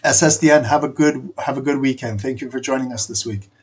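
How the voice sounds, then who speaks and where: A medium-pitched male voice, quick and with a breathy edge. Though his voice is going, he runs a live trading stream, pointing at a chart and coaching viewers in brief, repeated bursts.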